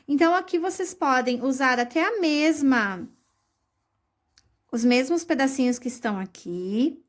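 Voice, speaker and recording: A woman teaching young children a recorded lesson, explaining slowly and patiently, with many diminutives. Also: high-pitched, expressive. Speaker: primary school teacher.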